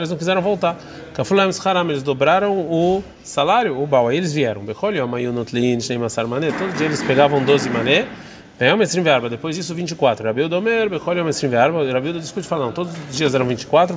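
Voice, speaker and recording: Man, somewhat high voice, text-study teacher who reads Hebrew aloud and translates as he goes. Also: lively intonation, quick pace. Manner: reads Hebrew phrases then explains in Portuguese, hesitant. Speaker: Talmud teacher.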